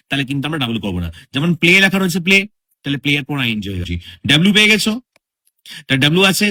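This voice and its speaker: Guy teaching english spelling rules, slightly high voice, keeps asking if u got it. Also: pushed and bright. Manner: explains step by step, repeats rules, checks understanding. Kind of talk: spoken English grammar lesson in Bengali.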